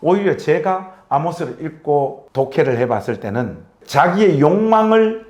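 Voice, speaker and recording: Earnest pastor, slightly high male voice. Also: expressive, measured pace, a little mellow. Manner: earnest, preacherly phrasing. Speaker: pastor and author. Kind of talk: conversational interview.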